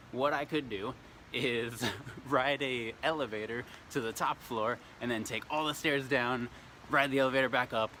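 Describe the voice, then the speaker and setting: A young man talks cheerfully into a phone on a selfie stick while walking outside, his bright voice a little slurred from the cold. Faint traffic and street noise sit behind him. He is relaxed and chatty and laughs at himself. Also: medium pitch. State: cold face, slightly slurred speech. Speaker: vlogger. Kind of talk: casual self-filmed vlog narration. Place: outdoors on city streets.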